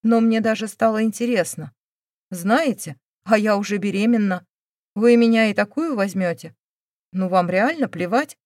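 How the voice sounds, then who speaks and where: A woman's voice: mid-range voice, normal speed, a little mellow, dry recording, studio quality, close to an everyday voice. A woman voicing a cool, sarcastic young woman who mocks her mother's choices. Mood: defiant. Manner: mocking, cold.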